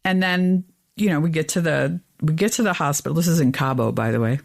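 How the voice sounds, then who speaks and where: A woman co-hosting a podcast, chatting casually and telling stories with lively, exasperated pitch jumps. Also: a little fast, vocal fry. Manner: animated storyteller, rises in pitch when exasperated. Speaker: podcast co-host. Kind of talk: casual chat.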